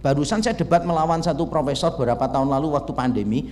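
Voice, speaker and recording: A man preaches in a relaxed, conversational way, voicing both sides of the talks he recounts. His carries a light tinge, and his voice sits a little high. The sound rings out with the long reverb of a church hall. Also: rapid-fire, slight background noise. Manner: conversational storytelling, acts out dialogue. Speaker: pastor. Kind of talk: sermon.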